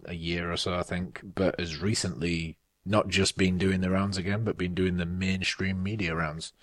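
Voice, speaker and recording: Low-voiced sardonic man. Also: little pitch movement, normal speed, no room sound. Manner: sardonic, swearing, frequent fillers. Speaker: podcast co-host. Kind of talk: casual podcast chat.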